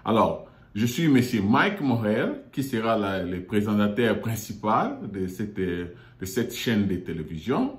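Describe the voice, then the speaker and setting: A man from Congo hosting his own online show, talking haltingly with many fillers and repeated words from a meeting room in an office. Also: fairly low pitch, very animated. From Democratic Republic of the Congo. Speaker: YouTube show host. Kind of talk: hesitant monologue. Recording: echoey room.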